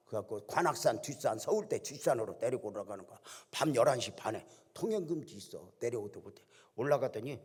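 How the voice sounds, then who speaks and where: A man's voice: mid-range voice, lively intonation, quick pace, a little mellow, slightly rough. A pastor in his sixties preaching a folksy, joking sermon and quizzing his congregation, in a church hall with long reverb. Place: church sanctuary.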